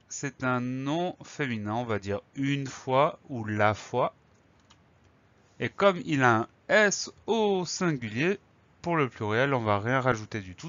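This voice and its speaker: Patient French teacher spelling out words. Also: male voice, mid-range voice, fairly bright tone, no echo, dull audio. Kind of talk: spelling lesson narration.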